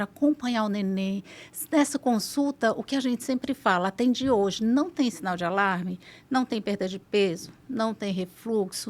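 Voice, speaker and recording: A woman with a Brazilian Portuguese accent, a pediatric gastroenterologist guest on a podcast, explaining in a measured clinical way. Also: medium pitch. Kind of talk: podcast interview.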